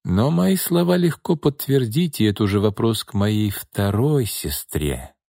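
A man voicing a vengeful woman who speaks coldly and mockingly, sometimes with a soft pleading tone. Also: lowish voice, lively intonation, unhurried, gravelly, dry recording, studio quality, exaggerated voice. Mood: icy mocking. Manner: pleading, then icy and mocking. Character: cold vengeful woman back from the dead.

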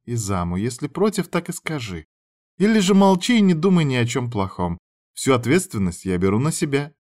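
A man's voice: medium pitch, big pitch swings, fairly quick, a little mellow, pitched above the performer's own voice, lightly acted. A man voicing a teasing, sly young blonde woman who drawls her mocking lines in a raised voice.

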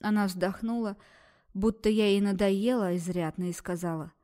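A woman narrating a first-person audiobook in a steady storytelling manner. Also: mid-range voice, normal speed.

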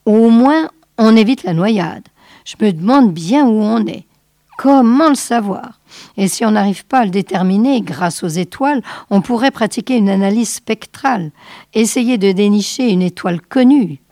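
A woman's voice: mid-range voice, expressive, moderate pace, mellow, no echo, studio quality, close to an everyday voice. A woman voicing a thoughtful male space crewman in a storybook reading, reasoning aloud. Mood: musing.

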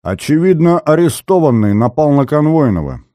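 A man's voice: medium pitch, very animated, normal speed, dark tone, no room sound, studio quality, voice pushed up. A man voicing a flustered young duty lieutenant who blurts out eager, hasty reports.

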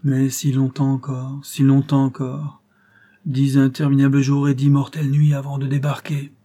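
A man's voice: mid-range voice, monotone, moderate pace, mellow, voice pushed up, lightly acted. A man reading aloud, voicing a restless young traveler who speaks impatiently and raises his voice in exclamations.

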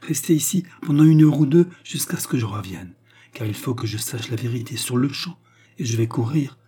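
A man reading the part of a scheming count who murmurs and feigns emotion, in a husky, dark voice. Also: medium pitch, brisk. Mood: ardent. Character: scheming count, male, smooth seducer.

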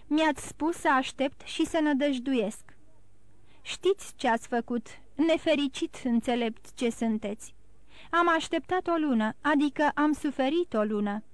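A woman's voice: high voice, dry recording, natural voice. A woman reading a despairing young man. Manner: gentle and bitter, earnest. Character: despairing young man, gentle yet resolute. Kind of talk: audiobook reading.

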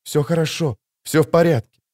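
A man voicing a calm, worried mother in an audiobook, speaking softly and soothingly. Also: mid-range voice, moderate pace, lightly acted. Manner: soft, soothing. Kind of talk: audiobook character voice.

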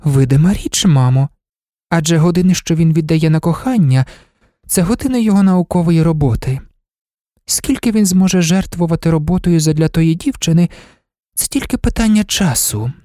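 A woman voicing a proud, self-assured young daughter who talks things through coolly and calmly. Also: lowish voice, normal speed, no room sound, clean studio sound, pitched above the performer's own voice, natural voice. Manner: cool, composed, reasoning calmly.

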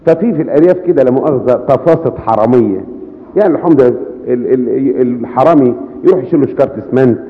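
A man with an Egyptian accent preaching, telling stories lively and acting out dialogue. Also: mid-range voice. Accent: Egyptian Arabic. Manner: lively storyteller, acting out dialogue, slowing for emphasis. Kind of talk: sermon storytelling. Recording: echoey hall, muffled lo-fi.

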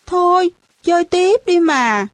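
Brief: a naive little girl in a storybook, high and whiny, pleading, put on by a woman reader. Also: normal speed, no echo, natural voice.

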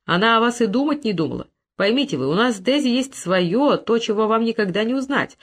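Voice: medium pitch, lively intonation, brisk, pitched above the performer's own voice. A reader voicing Tom, a domineering rich husband who speaks aggressively and with contempt in an audiobook. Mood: scornful.

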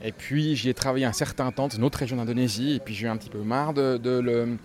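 Guy from switzerland, foundation founder, talks emphatic, repeats his points, middle pitch. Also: fairly even intonation, quick pace, darkish tone. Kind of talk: casual interview talk. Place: restaurant.

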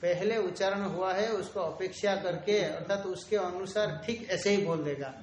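A man teaching a traditional Vedanta lesson, explaining slowly, repeating key terms and drawing out Sanskrit quotations. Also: high-pitched. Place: ashram room. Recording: echoey room, faint ambience.

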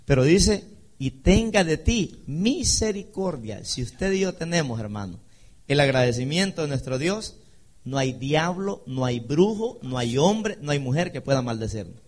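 A man preaching a sermon as a pastor, emphatic and rising loud when he quotes scripture. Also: medium pitch, expressive, moderate pace.

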